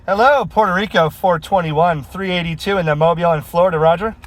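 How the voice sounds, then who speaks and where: High-voiced man making CB radio calls. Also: quick pace. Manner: friendly, informal radio patter. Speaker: mobile CB radio operator. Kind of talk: CB radio contact calls with call signs. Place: inside a vehicle.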